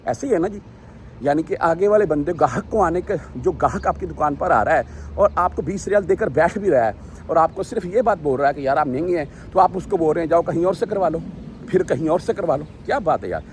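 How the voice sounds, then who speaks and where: High-voiced man telling a story. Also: slight background noise. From Pakistan. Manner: animated, retelling arguments and lecturing. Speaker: vlogger. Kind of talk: casual storytelling vlog.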